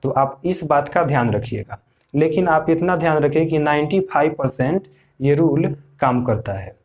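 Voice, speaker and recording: Patient male teacher, higher voice. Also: animated, a little mellow. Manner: patient, repeats points slowly for learners. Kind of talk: explaining English pronunciation lesson.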